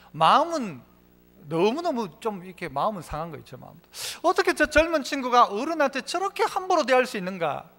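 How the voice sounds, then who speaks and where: A man's voice: very high-pitched, sharp tone. A man preaching a sermon as pastor, asking the congregation questions and answering them himself, and telling stories with voices. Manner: tells stories, acting out quoted voices. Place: church sanctuary.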